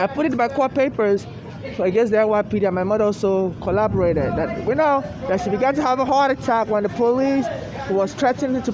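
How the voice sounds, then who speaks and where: High-pitched aggrieved woman on a noisy street. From Africa. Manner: repetitive, halting and restarting, aggrieved. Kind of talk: rambling personal vlog monologue. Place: outdoors on a city street in the rain. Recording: noisy outdoor street with traffic.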